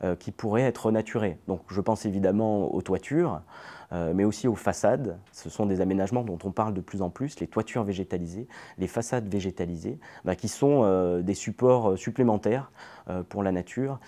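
Hesitant man with a dark, mellow voice. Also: lowish voice, normal speed. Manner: hesitant, many fillers. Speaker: ecologist. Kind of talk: educational explanation.

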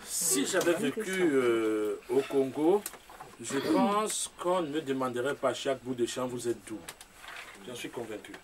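A man's voice: mid-range voice, animated, unhurried. A man from Cameroon with a Cameroonian French accent, an author speaking as a guest on a discussion show, emphatic and repeating his points. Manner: emphatic, with repeated rhetorical phrases. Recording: distant mic with faint room noise.

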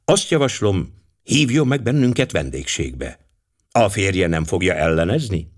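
A man voicing a precise, formal older male detective with a measured delivery. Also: sits low, sing-song.

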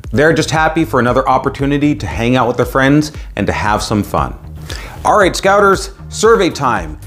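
A man in his thirties with an American accent, explaining to camera in an emphatic, instructive way as a scoutmaster and video host. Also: mid-range voice. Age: 30s. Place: small room at home, indoors.

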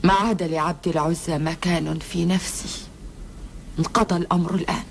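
An actress playing a proud, sorrowful, iron-willed Bedouin woman in a historical TV drama, speaking formal Arabic gravely and deliberately. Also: on the low side, steady tone. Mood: pained, resigned. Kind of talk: solemn classical Arabic historical TV drama acting. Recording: old TV soundtrack with background noise.

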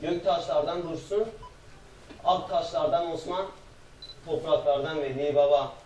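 Dutiful village son, acted by a man, high mellow voice, stage drama, echoey and distant. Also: steady tone, a little slow, natural voice. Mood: grave. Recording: echoey, distant, faint background noise.

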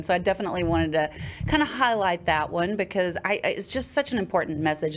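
A woman hosting a podcast interview, chatty and laughing along with her guest. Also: fairly low pitch. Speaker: podcast host. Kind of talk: casual interview chat.

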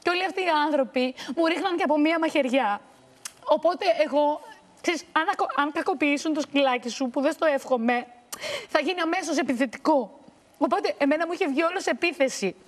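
Female talk-show guest, high voice, halting, raw testimony. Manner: halting, restarts words, intense. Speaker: interview guest. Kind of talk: emotional personal testimony. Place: TV studio.

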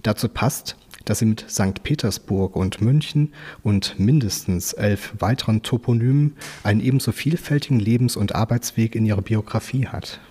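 Husky-voiced male radio host. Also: on the low side, mellow. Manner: formal, measured, with many fillers. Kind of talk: radio interview. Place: glass radio studio.

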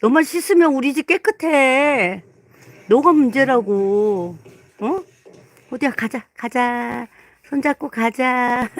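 Speaking slowly in a high-pitched voice over poor audio, a woman on a casual live stream coaxes her dog to come for a wash. She says the same things repeatedly in a sing-song tone and keeps chuckling.

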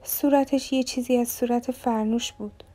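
A woman reading a novel aloud as an audiobook narrator, in a soft, even storytelling manner. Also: on the high side, faint music behind.

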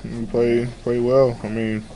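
A young man in his twenties, a basketball player giving a low-key postgame interview in a locker room, filler-heavy and matter-of-fact. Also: measured pace, a crowd in the background, rough recording. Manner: low-key, flat, many "you know" fillers. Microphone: handheld reporter mics close to face.

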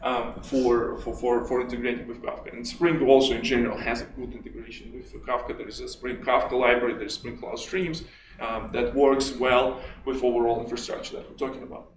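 A man with a Russian accent giving a conference talk, halting with many restarts and fillers. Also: medium pitch, level tone, background noise. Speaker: conference speaker. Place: conference hall. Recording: echoey hall from far off.

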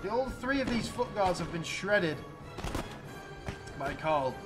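Talking straight to his audience, a man with a high-pitched voice calls a strategy game battle over background music. His exclamatory play-by-play is slow and full of big pitch swings.

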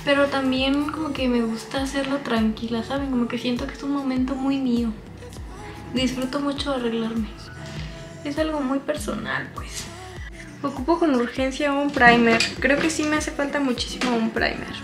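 High-voiced Mexican woman in her twenties. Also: steady tone, normal speed, roomy sound, over music. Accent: Mexican Spanish. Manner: chatty, rambling, self-deprecating asides. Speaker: vlogger. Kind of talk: casual makeup vlog chat. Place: small bedroom, indoors.

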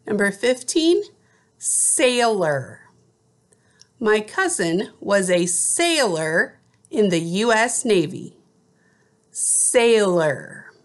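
A middle-aged woman teacher giving a slow school spelling dictation, enunciating deliberately word by word. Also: medium pitch, big pitch swings. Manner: deliberate enunciation, word repeated after an example sentence. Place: small room at home, indoors.

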